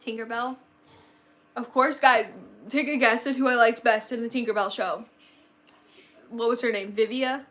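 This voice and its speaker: Chatting casually on her livestream, a late-teen girl rambles and gushes with plenty of fillers, her slightly worn voice on the edge of giving out. It's fairly high and fairly bright, with fairly even intonation, normal speed and frequent pauses.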